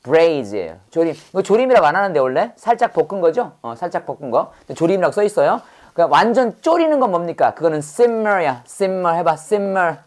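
Woman teacher, lowish voice, snappy english word drills, asks then repeats everything. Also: big pitch swings, a little mellow. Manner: brisk, repetitive drilling with quick questions. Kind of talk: call-and-response vocabulary drill lesson.

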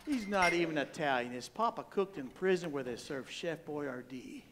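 A man's voice: a little high, animated, moderate pace, crowd noise, lightly acted. A man playing an unafraid rival mobster's envoy in a stage comedy, taunting and confrontational.

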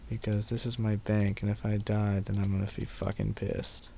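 A young man with a slightly low, gravelly voice talks through his own gameplay in a loose, profane, laughing way. He sounds like he is speaking into a desktop mic at his computer. Faint hiss and the click of keys sit under his voice. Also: monotone, moderate pace, mellow. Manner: profane, laid-back, laughing often. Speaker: gaming video host. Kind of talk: casual gameplay commentary.

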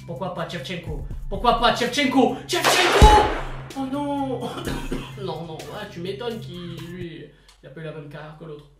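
A man commentating his own football video game match in casual slang, excitable and bursting into shouts at big moments. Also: a little high. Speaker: gaming YouTuber. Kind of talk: live gameplay commentary. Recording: roomy, distant mic, music behind.

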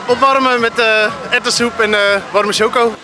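A man's voice: very high voice, steady tone, moderate pace. A man giving a casual on-the-spot interview outdoors. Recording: crowd and noise outdoors.

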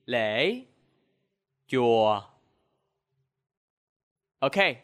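A young man with a Southern Vietnamese accent, teaching a language lesson with deliberate word-by-word enunciation into a handheld microphone. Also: on the high side, fairly bright tone. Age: young adult. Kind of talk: language lesson, slow repeat-after-me drilling.

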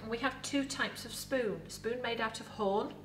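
Middle-aged English woman, museum educator, chatty lively talk, echoey room, distant mic. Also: on the high side, normal speed, heavy background noise. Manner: lively, chatty presenter with props. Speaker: museum educator in Viking costume. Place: indoor museum set with replica kitchen. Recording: roomy echo, voice from a distance.

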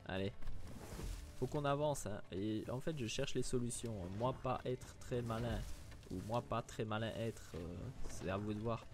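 A man's voice: mid-range voice, measured pace. A man with a Liège accent commentating a video game, joking with viewers and putting on silly voices. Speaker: let's play gamer. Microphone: new microphone. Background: game music.

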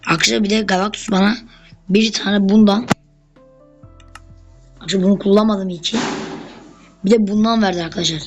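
A gameplay streamer in casual commentary mode, always talking straight to the viewers as friends. The voice sits at a middle pitch, with excited bursts when the fighting heats up. Faint music plays underneath. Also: brisk, long pauses, low-quality recording. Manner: chatty, constantly addressing viewers as friends. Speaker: gameplay YouTuber.

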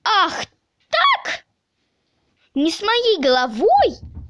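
A woman voicing a boastful, stubborn little boy who shouts indignantly in a storybook reading. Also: sits high, very animated, slow, dry recording, muffled recording, full character voice. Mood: offended.

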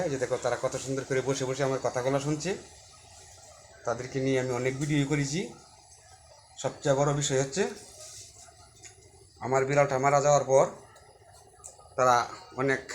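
A man's voice: mid-range voice, slight background noise. A young man filming a casual vlog at his village home, talking to his dogs and to viewers. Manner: chatty, coaxing and teasing the dogs. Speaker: YouTuber.

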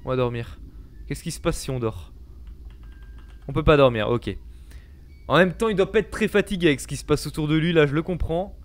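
A man's voice: on the high side, a little fast, pauses often. A young man commentating a horror game in a panicky, jumpy, sweary manner, close to a desk microphone. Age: young adult. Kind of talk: excited gameplay commentary. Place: small home gaming room, indoors. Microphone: close desk microphone, headset on.

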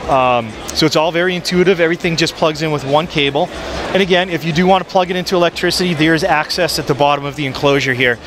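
A man in his forties with a fairly high voice talks up his product in an upbeat, salesy way, filling pauses with ums. He holds a handheld mic on a busy trade show floor, and clear crowd and hall noise run behind him. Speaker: photo booth maker.

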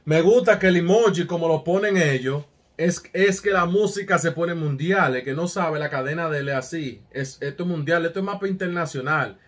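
Male reaction host, slightly high voice, excitable and chatty, keeps addressing his audience. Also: normal speed. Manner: hyped, repeats street catchphrases, talks to viewers. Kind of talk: casual reaction commentary.

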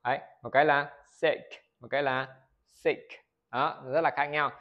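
A man's voice: a little high, steady tone, fast, highs cut off. A Vietnamese man teaching English pronunciation in a video lesson. He keeps asking the viewers questions, answers them himself and models words for them to repeat.

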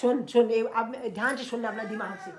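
High-voiced mother scolding a child. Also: fairly even intonation, brisk, darkish tone. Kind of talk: casual talk at home. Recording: voices chattering behind.

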